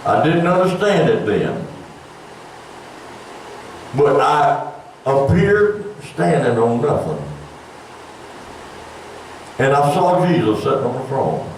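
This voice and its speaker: An older preacher gives a folksy, conversational sermon that builds into emphatic, raised passages. His voice has an ordinary male pitch with big swings, and he speaks slowly with long pauses. He is heard from a distance in a very echoey church room over a faint hum of room noise.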